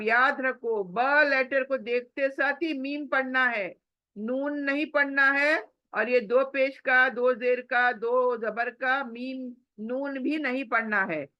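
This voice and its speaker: A woman's voice: high-pitched, pushed and bright, no echo, lo-fi sound. A woman tajweed teacher who patiently repeats examples, hums the letters and asks questions she then answers herself. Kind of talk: recorded Quran recitation lesson.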